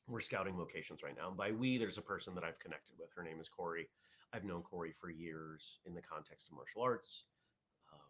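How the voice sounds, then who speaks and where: A husky, deep-voiced man with a fairly bright tone hosts a loose, casual martial arts morning stream. Viewer comments get read aloud as he rambles along, often restarting and correcting what he says.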